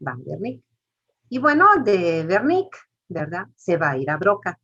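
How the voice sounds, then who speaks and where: A woman's voice: lowish voice, very animated, unhurried, a bit bright, breathy edge. A woman, teaching a class step by step and putting questions to the students. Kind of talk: lecture. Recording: muffled lo-fi recording.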